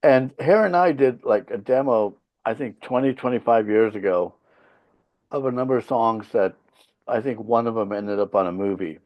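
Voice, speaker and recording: Speaking at normal speed in a mid-range voice, the man is heard through dull audio. He leads a rock band, comes from Finland and grew up speaking Swedish, and as a podcast guest he chats casually, swearing and forcefully hammering home his points as he tells stories.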